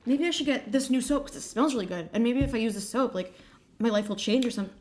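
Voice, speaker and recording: A woman's voice: a little high, fast talker, darkish tone. A woman co-hosting a podcast in casual chat, telling rambling, profane stories. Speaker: podcast co-host.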